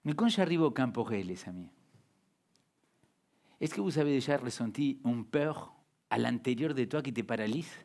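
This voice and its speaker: A young adult man preaching a sermon as a pastor, speaking French with a non-native accent, emphatic, swinging between loud and hushed, repeating words. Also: mid-range voice.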